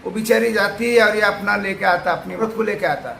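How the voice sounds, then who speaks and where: Male commentator, high-pitched voice, emphatic moralizing storyteller, echoey room. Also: fairly even intonation, normal speed, creaky, a bit bright, slight background noise. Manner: emphatic, preachy, storytelling with acted quotes. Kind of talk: casual moralizing monologue.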